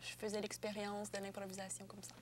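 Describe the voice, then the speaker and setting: A woman's voice: mid-range voice, monotone, quick pace, noisy background. A young woman with a Quebec French accent, a student reporter, chatting playfully in the studio. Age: young adult. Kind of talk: casual studio chat.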